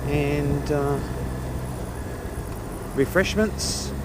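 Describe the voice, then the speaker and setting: Australian man inside a helmet, loud engine noise. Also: fairly high pitch, drawn-out words. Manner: laid-back, hesitant, rambling delivery. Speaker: motorcycle vlogger. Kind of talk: casual riding commentary. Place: on a moving motorcycle, outdoors.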